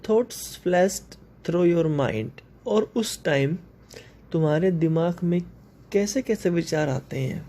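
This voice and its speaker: A male English teacher in a recorded lesson, reading poem lines slowly and then explaining word meanings to his students. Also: fairly high pitch, warm tone. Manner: mixes English and Hindi, addresses students directly.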